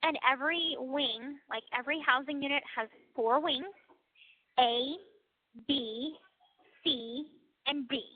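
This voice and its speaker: A woman's voice: high voice, slow pace, long pauses. A woman speaking over a wall-mounted payphone line, hesitant and talking casually in an interview. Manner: hesitant, many fillers and restarts. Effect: calling over a wall-mounted payphone. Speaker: interviewee calling from prison. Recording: tinny phone-line sound.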